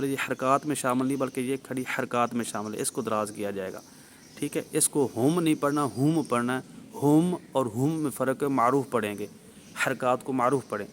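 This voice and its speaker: Man, recitation teacher, patient step-by-step explaining, repeats and checks understanding, mid pitch, faint background noise. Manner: explanatory, repeats points, often checks with "okay"; demonstrates sounds with loud drawn-out examples. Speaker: tajweed teacher. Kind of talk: Quran recitation lesson.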